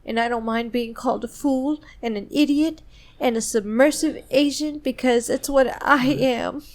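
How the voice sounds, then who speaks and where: A woman's voice: high voice, steady tone, normal speed, a little mellow. A woman co-hosting a casual book podcast, retelling scenes and reading character lines aloud. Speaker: podcast co-host.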